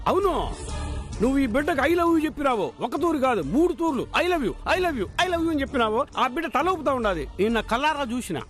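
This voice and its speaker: An actor playing a hard-of-hearing older father, loud, scolding and comic, over background music. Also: extremely high pitch, expressive, quick pace. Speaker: bride's father.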